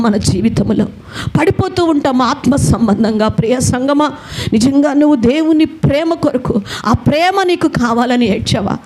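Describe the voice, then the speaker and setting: A woman's voice: high voice, darkish tone, slight background noise. A woman preaching a sermon in Telugu-accented speech, fervent and speaking straight to her listeners, repeating words for force. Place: prayer hall.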